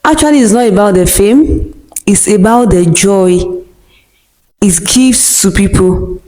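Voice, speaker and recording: A young Nigerian woman with a Nigerian accent gives a scripted question-and-answer monologue, reading her viewers' questions aloud and answering them slowly and deliberately, with short laughs in between. Her voice is medium-pitched and dark in tone. The recording is low quality.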